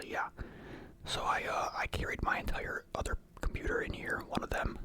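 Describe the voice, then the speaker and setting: Recorded in a room at home, the ASMR mukbang creator, a young man, keeps to an unvoiced whisper near the mic. His speech drifts casually and comes in halting bursts.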